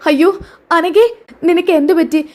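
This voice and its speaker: Woman doing a worried young friend, high voice, pushy pleading questions. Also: animated, fairly quick, a little mellow. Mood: distressed.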